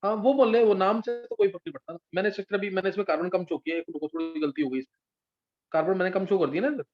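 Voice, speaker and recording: Over faint background music, a man with a high, racing voice teaches chemistry live. He explains each step patiently and keeps checking whether students are keeping up, all captured in dull lo-fi sound.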